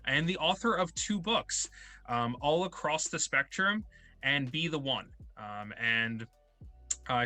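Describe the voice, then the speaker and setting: A man's voice: medium pitch, bright, forceful tone, dry recording. A young man hosting an interview podcast, talking casually and rambling with lots of fillers. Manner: rambling, heavy on filler words. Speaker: podcast host.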